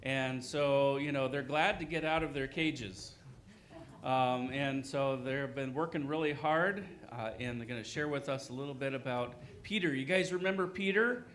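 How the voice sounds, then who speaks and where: A man acting as master of ceremonies, giving informal, halting, unscripted introductions at a talent show. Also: mid-range voice, fairly bright tone.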